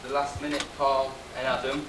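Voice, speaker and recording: A man gives a prepared wedding speech as the groom, with dry jokes. His medium-pitched voice reaches a distant microphone in an echoey room, under heavy noise. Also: monotone, brisk.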